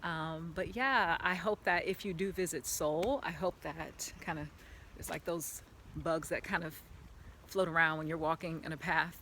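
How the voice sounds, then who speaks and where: Walking uphill on an outdoor park path, a woman vlogs casually into a handheld camera. Her voice is deep yet a bit bright, and she rambles chattily, peppering her talk with "like," against slight background noise.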